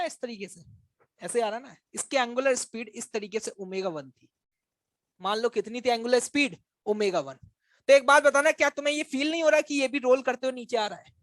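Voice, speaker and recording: A male physics teacher giving a classroom lecture, constantly quizzing his students with quick questions and teasing them to check they follow. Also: very high-pitched, sharp tone, no echo. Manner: coaxing, teasing.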